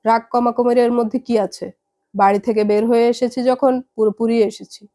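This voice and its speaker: Woman voicing a fuming middle-aged mother, heavy scolding voice, warm mellow tone, storybook reading. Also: a little high, steady tone, moderate pace, natural voice. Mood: scolding, furious. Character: angry proud middle-aged mother on the phone.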